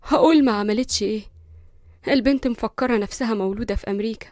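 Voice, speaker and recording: A woman's voice: a little high, fast talker, darkish tone, no echo, clean studio sound, close to an everyday voice. A woman voicing a worried middle-aged mother. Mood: troubled. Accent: Egyptian Arabic. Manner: troubled, complaining.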